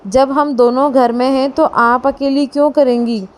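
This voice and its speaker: A woman voicing a shy, respectful young bride who speaks politely and softly. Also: sits high, steady tone, normal speed, lightly acted. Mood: earnest. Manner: polite, soft-spoken.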